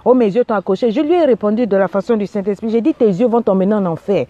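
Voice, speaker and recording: A woman from Africa giving animated, scolding sermon-style relationship advice, acting out quoted exchanges and pressing her listeners with rhetorical questions. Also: mid-range voice, quick pace, dry recording, highs cut off. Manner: animated, scolding, acts out quoted dialogue, frequent "hein?". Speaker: relationship coach and preacher.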